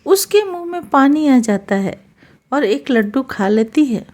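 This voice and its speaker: Lady reading out a family story, slow, high but mellow voice. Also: very animated. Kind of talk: scripted story narration.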